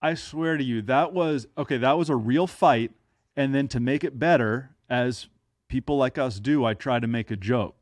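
A man's voice: medium pitch, moderate pace, no echo. Dry-humored man in his thirties. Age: 30s. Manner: dry, self-mocking humor. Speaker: podcast host. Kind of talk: casual chat.

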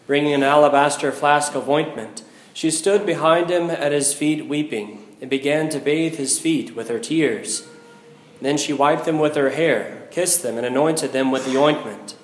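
A man serving as priest, reading scripture and preaching in a measured, solemn way, his voice ringing in a cathedral echo. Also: a little high. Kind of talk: liturgical reading and homily. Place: large church.

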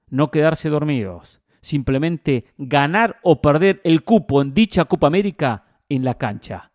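A man's voice: fairly high pitch, darkish tone, dry recording, clean studio sound. A man giving opinionated football commentary as a host, emphatic and fond of rhetorical questions and repetition.

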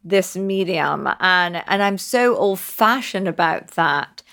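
A woman's voice: on the low side, animated, slow pace, gravelly, a bit bright. A woman investor giving founders her verdict in a chatty, self-deprecating way. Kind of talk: business pitch discussion.

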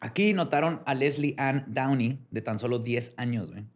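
Relaxed Mexican man telling a story. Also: mid-range voice, normal speed. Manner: relaxed slangy narration, ends phrases with filler slang. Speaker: podcast host. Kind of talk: casual storytelling chat.

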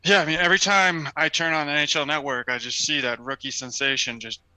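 A man's voice: a little high, fairly even intonation, brisk, bright, forceful tone, no room sound, rough recording. A man co-hosting a casual sports podcast, talking enthusiastically with loose fillers. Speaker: podcast co-host.

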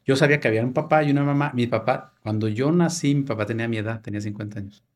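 In a relaxed podcast interview, a Mexican guest in his fifties recounts family stories and acts out old conversations. He speaks in a mid-range voice at a racing pace.

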